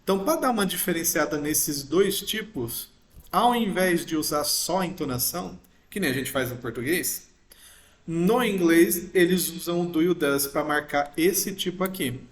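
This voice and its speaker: An English teacher, a man with a slightly high voice speaking at normal speed, patiently takes his listeners through a grammar lesson step by step and checks in with them often. The recording has a roomy echo.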